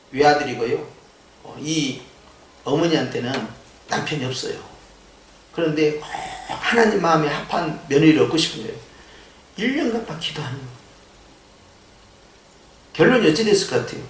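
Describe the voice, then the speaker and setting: A male pastor preaching a sermon in a church, animated and full of rhetorical questions. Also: on the high side, normal speed, pauses often, slight background noise. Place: church sanctuary. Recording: echoey church sound from a distance.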